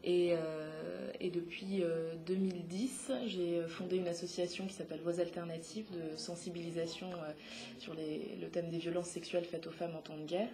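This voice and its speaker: Hesitant young woman with a mellow voice. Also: lowish voice, little pitch movement. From Congo (DRC), raised in France. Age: 20s. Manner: halting, many filler sounds and restarts. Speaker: interview guest, playwright and activist. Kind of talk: hesitant spoken interview answers.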